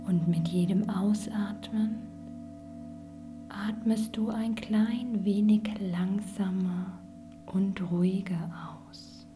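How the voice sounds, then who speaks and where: Woman, whispered sleep narration, very slow pace, soothing guided meditation, clear background music. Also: mid-range voice, fairly even intonation. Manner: soothing sleep story narrator delivery, gentle and unhurried. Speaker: podcast host and meditation guide.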